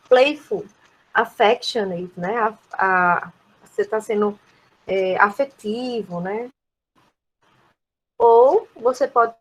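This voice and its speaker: A woman's voice: a little high, breathy edge, poor audio. A woman with a Brazilian Portuguese accent, reviewing an English lesson for online students and explaining each word, often adding "né?". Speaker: English teacher.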